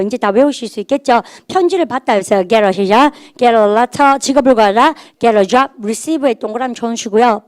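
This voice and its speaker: A middle-aged English teacher with a higher, slightly mellow voice delivers a recorded grammar lecture, drilling her class with call-and-response prompts and having them repeat after her again and again. The sound is close-miked and fully dry, without any echo.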